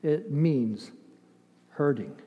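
A slightly high voice speaks very slowly as an older Ethiopian-raised preacher gives his sermon, emphatic yet conversational, with dramatized asides and rhetorical questions. The audio is dull and carries a long hall reverb.

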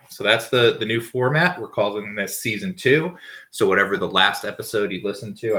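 A man's voice: lowish voice, vocal fry, pushed and bright. A man, a dentist hosting his own podcast, telling work stories in a rambling, profane, dry way. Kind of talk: casual solo podcast chat.

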